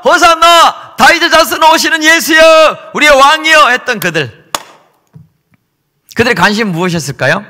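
A male pastor preaching a sermon, telling the story dramatically and acting out the quotes. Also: fairly high pitch. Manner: animated storytelling, acts out quotes. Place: church sanctuary. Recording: long reverb in a large church hall.

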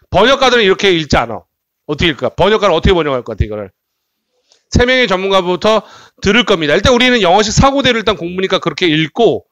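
A man with a high, slightly bright voice gives an exam-prep grammar lecture at a cram school, reading English sentences aloud and translating them. He checks students with tag questions, and the recording is dry.

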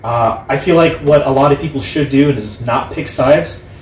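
A young man in his twenties chatting casually as host, earnest and halting in the way he talks. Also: medium pitch. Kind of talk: casual group chat. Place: living room, on a couch. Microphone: distant camera microphone. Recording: roomy, distant camera mic, background noise.

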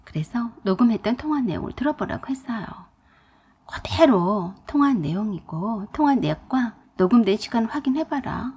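A woman's voice: a little high, expressive, moderate pace, darkish tone, husky. A woman narrating a personal family story in a plain, confiding way.

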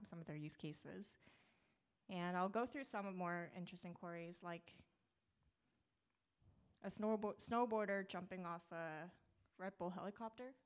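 A woman's voice: fairly low pitch, clean tone. A young woman presenting her startup's product at a meetup, talking casually through a live demo with fillers and restarts. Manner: casual, upbeat, many fillers. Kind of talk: conference talk with live demo. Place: small theater stage.

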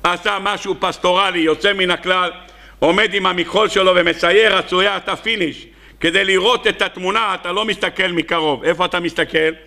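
A man's voice: steady tone, creaky, pushed and bright. A man with an Israeli accent, a rabbi preaching a sermon and telling parables, acting out the characters in them. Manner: storytelling, acting out characters with sudden high cries. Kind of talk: Hebrew sermon with acted parables.

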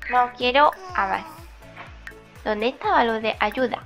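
A woman gives a chatty let's play commentary. She speaks affectionately to the characters on screen. Her voice is high and bright, with faint music playing underneath. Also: a little slow, highs cut off. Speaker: gaming channel host.

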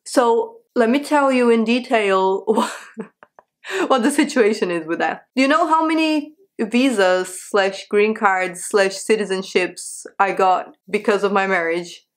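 A woman's voice: mid-range voice, measured pace. A young woman from Brazil, talking candidly to camera in a small bedroom, with frequent rhetorical questions. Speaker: vlogger. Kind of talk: casual talk to camera. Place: small bedroom with a sofa, indoors.

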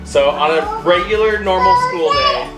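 A man's voice: high-pitched, moderate pace. A man running a family question-and-answer chat and coaxing answers with questions. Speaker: parent asking family Q&A questions. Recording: roomy room with music behind.

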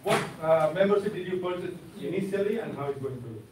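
A man speaks to a seated room in an insistent, persuasive sales pitch, his voice fairly high for a man. He is picked up from across a reverberant meeting room, with faint background noise. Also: animated, fast, darkish tone, distant mic. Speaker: presenter. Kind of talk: sales presentation to a seated audience. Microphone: far camera, no mic seen.

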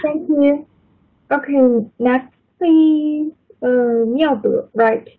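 Speaking very slowly in a high voice, a woman teaches English pronunciation online, calling on students by name over video and patiently fixing their mistakes. The audio has the thin, tinny sound of an internet call.

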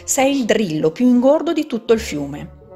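A woman voicing a smaller, contrary crocodile who only eats fish and scolds the other, in a storybook reading with soft music behind. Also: fairly high pitch, sing-song, normal speed, voice pushed up. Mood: scolding.

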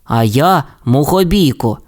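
A man's voice: medium pitch, expressive, unhurried, darkish tone, natural voice. A man doing a timid young dinosaur boy. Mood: hesitant. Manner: hesitant, sighing. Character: cautious young male T. rex dinosaur. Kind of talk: storybook voice acting.

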